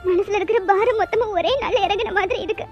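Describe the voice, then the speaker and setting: A woman voicing an emotional young wife in a cartoon story, high and childlike, breaking into sobs. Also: fast talker, a little mellow. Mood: tearful joy. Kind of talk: cartoon voice acting. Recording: dull lo-fi audio with faint music.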